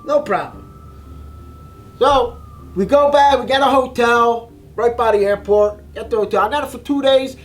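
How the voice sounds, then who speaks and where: A man hosting a vlog, telling a long story in an emphatic, animated way and often repeating himself. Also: extremely high pitch, moderate pace, low-quality recording. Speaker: cooking channel host.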